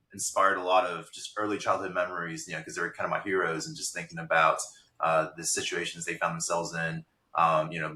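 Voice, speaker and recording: Founder guest from Taiwan, very low bright voice, measured explainer, echoey room. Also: male voice. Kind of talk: interview answers.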